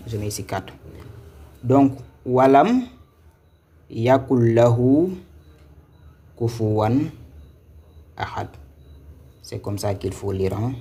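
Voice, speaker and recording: A man teaching Quran reading in a live online lesson, patiently repeating and spelling out syllables slowly. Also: fairly low pitch, warm tone, husky.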